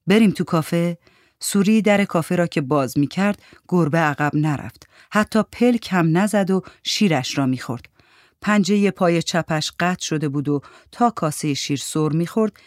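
A woman narrating a literary short story in a steady, measured reading voice. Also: fairly low pitch, dry recording, studio quality.

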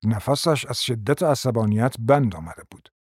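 A man narrating a radio drama in a measured, literary way at an ordinary pitch. His voice is recorded dry and close, with no room echo. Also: animated, breathy edge. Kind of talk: scripted narration.

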